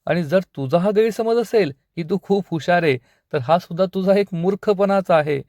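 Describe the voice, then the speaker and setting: A contemptuous middle-aged father mocks his daughter without mercy, read out by a man narrating a serial recap. The voice is mellow and slightly high, and the sound is dry and close. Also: moderate pace, no echo. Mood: scornful. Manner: contemptuous mocking. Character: scornful middle-aged father, cold and mocking.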